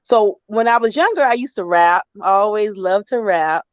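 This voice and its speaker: Expressive and moderately paced, a middle-aged Florida writer talks in a mid-range voice as a guest on a casual online interview. She rambles with many fillers and restarts and laughs a lot. Heard through a video call, the sound has no echo but is muffled.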